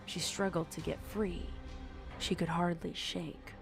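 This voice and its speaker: Her lowish voice creaky and flat, a woman narrates scripted horror fiction without hurrying. Background music plays underneath as she tells the story.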